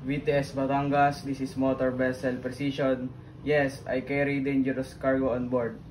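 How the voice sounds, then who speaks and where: A man playing a ship's radio officer, speaking in measured, formal radio procedure. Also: medium pitch, flat delivery, lightly acted. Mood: formal, steady. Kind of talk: formal scripted maritime radio exchange. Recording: very noisy background ambience.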